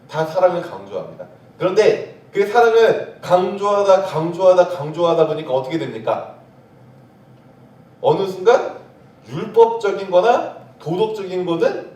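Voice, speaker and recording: Heard from a distance in a reverberant church, this pastor's sermon keeps posing questions to the congregation that he then answers on his own. He speaks in a fairly high pitch with a darkish tone, standing in the sanctuary.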